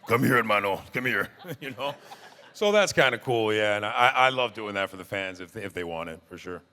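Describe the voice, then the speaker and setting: A man's voice: fairly low pitch, animated, moderate pace, sharp tone. A male voice actor telling laughing anecdotes to fans on a convention panel. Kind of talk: live convention panel storytelling. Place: large convention hall. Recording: echoey convention hall.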